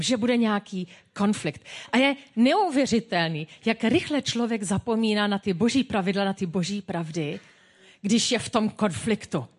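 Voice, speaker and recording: A woman pastor giving a sermon in a personal, humorous, conversational way. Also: mid-range voice.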